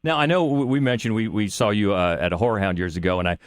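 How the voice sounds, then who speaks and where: A man's voice: fairly low pitch, fast, no echo. A man co-hosting a podcast in a casual, conversational interviewing style.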